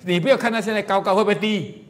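A man's voice: sits high, steady tone, rapid-fire, voice pushed up, lightly acted. A man voicing a cheerful old beggar father. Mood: encouraging.

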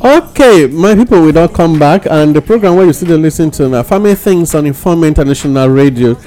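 A man's voice: a little high, animated, a little fast, dark tone, soft background music. A Nigerian man speaking Nigerian Pidgin as host of a radio talk show discussion.

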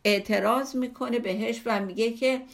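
A woman's voice: fairly high pitch, steady tone, vocal fry. A woman patiently explaining and retelling a story from a classical poem, in a conversational teaching manner.

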